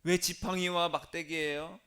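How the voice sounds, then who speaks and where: A man's voice: fairly high pitch, little pitch movement, moderate pace, bright, forceful tone, clear, resonant tone. A man preaching a sermon as pastor, leading the congregation to repeat lines and dropping to a whisper at times. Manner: call-and-response preaching, drops to whispers.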